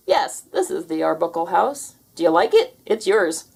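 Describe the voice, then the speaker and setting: A woman's voice: on the low side, very animated, normal speed, vocal fry, a little mellow, breathy edge, exaggerated voice. Lady doing a storybook character voice for a snarky cartoon tomcat, wry, mischievous, wisecracking. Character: wry, mischievous, sarcastic male cartoon cat.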